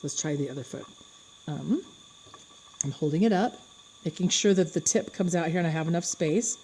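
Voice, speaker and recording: A woman with a mellow, slightly low voice walks through a craft project step by step. She talks casually and thinks out loud while her hands are busy. Faint crickets chirp in the background. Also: animated, normal speed, slight background noise. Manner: chatty, thinking aloud while working. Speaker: craft instructor.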